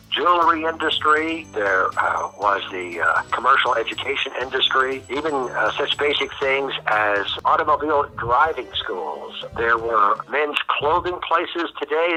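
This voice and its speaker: An older voice-over veteran talks in a bright, forceful tone, slow and thoughtful, with many short pauses between phrases. His speech is mostly General American, with faint Southern traces left over. Soft music plays faintly in the background. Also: medium pitch, slightly rough, rough recording. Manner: measured, reflective, with frequent "uh" pauses. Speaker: voice-over artist, guest. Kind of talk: casual interview answers.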